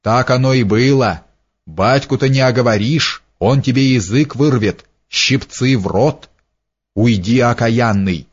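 Мужчина озвучивает грубоватого насмешливого разбойника. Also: male voice, medium pitch, unhurried, close to an everyday voice. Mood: сердито. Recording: dull lo-fi recording.

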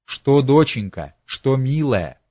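A man voicing a gentle, solemn old monk elder who speaks quietly and tenderly. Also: medium pitch, sing-song, slow, dry recording, lo-fi sound, voice pushed up.

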